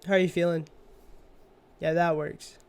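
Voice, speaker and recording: A man's voice: fairly high pitch, flat delivery, unhurried. A young man chatting casually on a livestream, drowsy and rambling, often trailing off mid-thought. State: sleepy. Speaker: streamer. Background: faint music.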